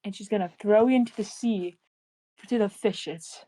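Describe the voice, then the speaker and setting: A woman's voice: mid-range voice, normal speed, dark tone, natural voice. A woman playing a blunt, bossy pirate woman. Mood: warning. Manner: firm, warning.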